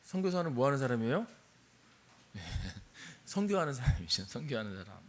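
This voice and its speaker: A man's voice: mid-range voice, sing-song, normal speed. An older man, a missionary pastor, preaching a sermon and asking his congregation questions. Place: church sanctuary.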